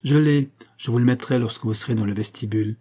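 A man voicing a cheeky young boy servant who gives brisk, bossy orders in a raised voice. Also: mid-range voice, mellow, close to an everyday voice.

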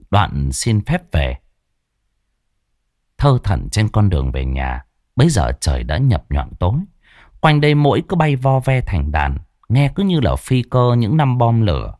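A man narrating a ghost story in an animated storytelling manner. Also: fairly low pitch, dry recording, studio quality.

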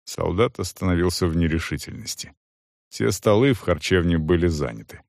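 A man reading a story aloud as narrator in a measured storytelling manner. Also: deep voice, gravelly, darkish tone, dry recording, studio quality. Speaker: audiobook narrator. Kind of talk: scripted narration.

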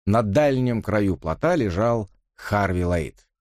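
A man narrating a novel as an audiobook in a measured, expressive reading. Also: on the low side, dry recording, clean studio sound. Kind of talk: scripted literary narration.

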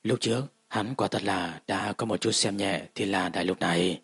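A man giving steady, even scripted narration of a fantasy audiobook. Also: low-pitched, normal speed, breathy edge.

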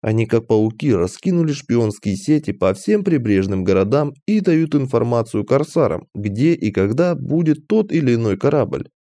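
Guy reading an audiobook, animated, mellow voice, dry close mic. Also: mid-range voice, normal speed, hardly any pauses, dry recording. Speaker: audiobook narrator. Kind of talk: scripted first-person narration.

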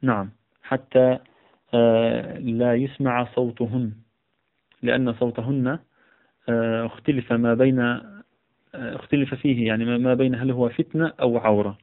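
A man's voice: medium pitch, fairly even intonation, normal speed, pauses often. A man reading and explaining a text on Islamic law as a teacher, often repeating phrases and correcting himself with fillers. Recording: tinny phone-like audio.

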